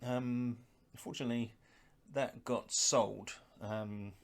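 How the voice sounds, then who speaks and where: Slow and steady, a middle-aged man with a medium-pitched voice narrates an unboxing for his retro gaming channel. Nothing is scripted; he keeps it casual. He muses to himself as he picks things up and handles them.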